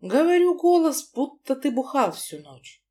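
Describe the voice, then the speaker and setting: A woman reading an audiobook, voicing an emotional young woman who is shrill and reproachful. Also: big pitch swings, unhurried, mellow.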